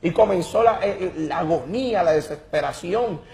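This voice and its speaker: A man's voice: high-pitched, lively intonation, moderate pace, dark tone. A man giving an impassioned religious testimony, emphatic and dramatic, often repeating words as he searches for them.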